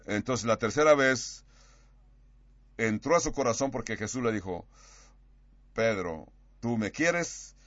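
A man preaching a sermon, acting out quoted dialogue with big swings in pitch and loudness. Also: expressive, measured pace, pauses often, dry recording, highs cut off.

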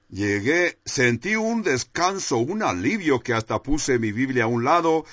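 A man delivers a sermon, telling his own story in an earnest, confessional way. His voice sits at an ordinary middle pitch. The recording is muffled and lo-fi, with almost no room sound. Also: fairly bright tone, dry recording. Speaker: preacher. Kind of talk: sermon with personal testimony. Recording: dull, dry, lo-fi sound.

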